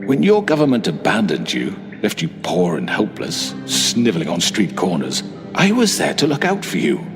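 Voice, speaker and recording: An actor playing a smooth, menacing middle-aged crime boss who talks in a patronizing, calmly manipulative way, in a game. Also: male voice, low voice, normal speed, full character voice. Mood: smooth, needling. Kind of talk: video game voice acting. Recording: game audio over music score.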